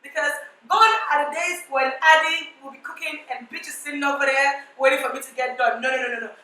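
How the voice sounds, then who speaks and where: Bright young woman with hoarse voice. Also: high-pitched, steady tone, a little fast. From Nigeria. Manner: playful, brash, swears jokingly. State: voice partly gone. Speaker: cooking vlogger. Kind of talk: casual cooking tutorial. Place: home kitchen. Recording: very echoey kitchen.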